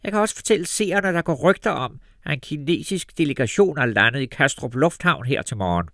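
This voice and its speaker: A man's voice: on the high side, lively intonation, fairly bright tone, no echo, clean studio sound, pitched above the performer's own voice. A man voicing a glib TV news reporter with a newsreader delivery.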